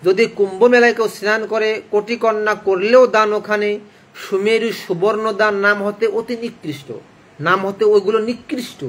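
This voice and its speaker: A man who sings devotional hymns slowly and breaks off to explain them casually to listeners. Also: high-pitched, fairly even intonation, fairly bright tone. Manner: chants slowly, then explains casually to viewers. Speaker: devotional singer and reader. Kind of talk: sung hymn recitation with spoken commentary.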